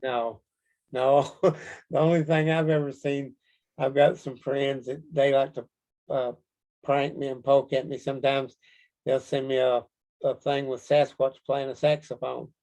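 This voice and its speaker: A man with a Kentucky accent answering interview questions casually, in a folksy, halting storytelling way. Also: medium pitch, level tone, darkish tone, low-quality recording. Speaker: interview guest, Bigfoot researcher.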